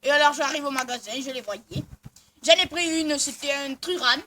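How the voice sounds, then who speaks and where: A woman's voice: sits high, normal speed, bright, forceful tone, far from the mic, a little hiss or hum. A woman playing a muddled, brash traveler in a comedy sketch, rambling on and repeating herself. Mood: boastful. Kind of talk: amateur comedy sketch acting.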